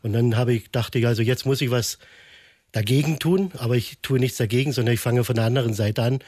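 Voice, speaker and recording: A man's voice: medium pitch, steady tone, quick pace, a little mellow, slightly rough, no echo. Earnest male guest in a studio. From Berlin. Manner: earnest, thoughtful, searching for words. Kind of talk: radio interview answers. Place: radio studio.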